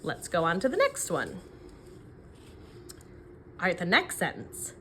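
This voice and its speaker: A woman with a slightly low voice teaches phonics by dictating at an unhurried pace. She breaks words into letters and sounds with care, in an instructional way, often checking in with a question. Faint noise sits behind her voice. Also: wildly swooping pitch, a bit bright. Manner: sounds out letters and syllables deliberately. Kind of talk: dictating sentences slowly, word by word.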